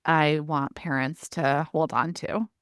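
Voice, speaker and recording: A middle-aged woman, a parenting expert appearing as a guest, gives advice in a relaxed conversational interview, her voice a bit low for a woman. She's animated, acting out parent-child exchanges in quick quoted asides. The sound is dry and close-miked, with no room sound at all.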